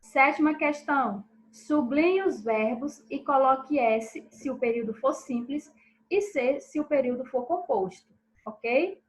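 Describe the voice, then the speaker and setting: In a roughly recorded review lesson, a female teacher with a high voice pauses after each answer to check on her pupils, stressing syllables slowly and distinctly.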